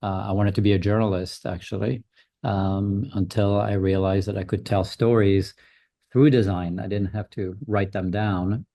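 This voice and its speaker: A man's voice: lowish voice, level tone, normal speed, vocal fry, mellow. A man in his fifties, a designer being interviewed, answering thoughtfully with many ums and restarts. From Switzerland. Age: 50s. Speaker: guest designer.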